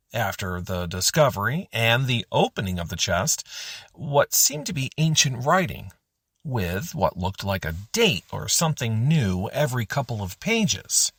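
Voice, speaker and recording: Husky, animated male audiobook narrator. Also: medium pitch, no room sound, clean studio sound. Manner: expressive, animated reading. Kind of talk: first-person audiobook narration.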